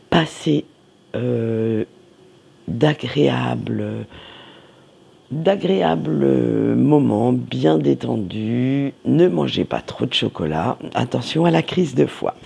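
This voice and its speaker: A man giving a weekly tarot reading, slow and meandering, reassuring, with many fillers. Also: mid-range voice, creaky, dark tone, husky. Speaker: tarot card reader.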